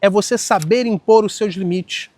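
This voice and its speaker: A man with a Brazilian Portuguese accent giving blunt, firm self-help advice in a direct monologue, telling stories from his own work in an even tone. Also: high voice, moderate pace, no room sound. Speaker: self-help video host. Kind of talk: direct motivational monologue with anecdotes.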